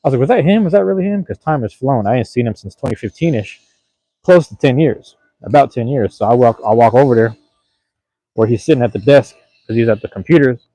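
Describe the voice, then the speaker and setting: Brisk and mellow, this mid-range male voice has lively intonation, though the recording is low quality. Streaming from his phone in light outdoor rain, he rambles casually to viewers, laid-back and full of slang, going over the same points again.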